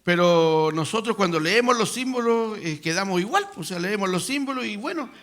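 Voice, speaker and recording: A man's voice: high voice, lively intonation, moderate pace, fairly bright tone. A man preaching a sermon in a church, asking rhetorical questions and building to emphatic passages. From Chile. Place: church sanctuary.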